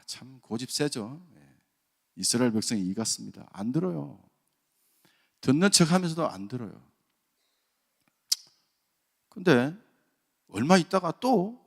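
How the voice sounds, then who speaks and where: A man's voice: mid-range voice, vocal fry. A middle-aged man, a church elder, preaching a dawn service sermon and telling his own testimony with rhetorical questions and self-deprecating humor. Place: church sanctuary. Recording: long reverb of a church hall.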